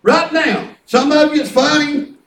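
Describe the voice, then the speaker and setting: High-pitched Southern preacher with a folksy twang. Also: male voice, a little slow, creaky. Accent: rural Southern US twang. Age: 50s. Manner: excitable, colloquial, chuckles through anecdotes. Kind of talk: folksy, rambling sermon with storytelling. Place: church hall with responding congregation. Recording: echoey church room, distant microphone.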